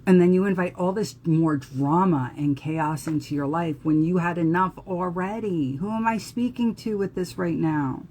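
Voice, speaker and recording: Jersey lady doing a live astrology talk, earnest and emphatic, mellow warm tone. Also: lowish voice, normal speed, hardly any pauses, a little hiss or hum. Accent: New Jersey. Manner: earnest, emphatic, occasional profanity.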